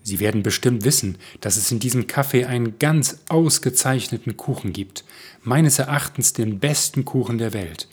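A man reading the part of a polite, cultivated elderly gentleman with formal manners. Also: medium pitch, moderate pace, husky. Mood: courteous. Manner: courteous, formal.

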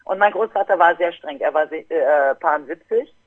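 A woman guest telling a family story casually in a podcast, lively and acting out her relatives. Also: low-pitched, moderate pace, slightly rough. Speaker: guest DJ and producer. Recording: tinny phone-like line.

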